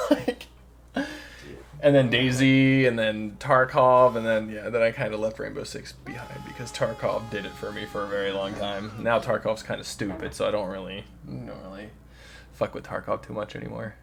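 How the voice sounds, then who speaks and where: A man's voice: lowish voice, steady tone, normal speed, vocal fry. A young man co-hosting a podcast, talking loosely in casual chat, swearing freely and laughing often. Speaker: podcast co-host.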